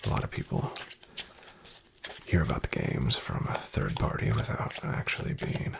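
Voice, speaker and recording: This ASMR roleplay has a man as a guarded, shady card dealer, his gravelly, creaking half-whisper delivering unhurried, clipped lines. The mood is hushed and wary, the voice natural, and the recording very noisy.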